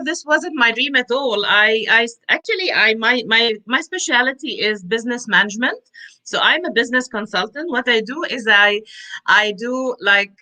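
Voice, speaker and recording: A middle-aged woman from Egypt talks as a guest on a chat show, chatty and quick to laugh. Her voice is bright and sits a little high, and she often breaks off and restarts her sentences. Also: rough recording. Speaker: guest, business consultant. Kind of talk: casual interview chat.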